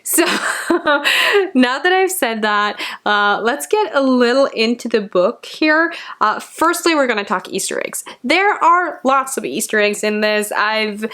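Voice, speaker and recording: A woman hosting a casual book review vlog, chatty and excitable, speeding up when she gets excited. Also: a little high, unhurried.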